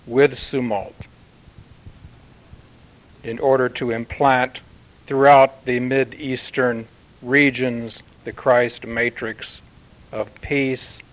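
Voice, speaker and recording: A man channeling a solemn male Martian commander who addresses Earth in formal, measured pronouncements with long pauses. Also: medium pitch, flat delivery, close to an everyday voice, poor audio. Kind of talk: channeled spiritual message.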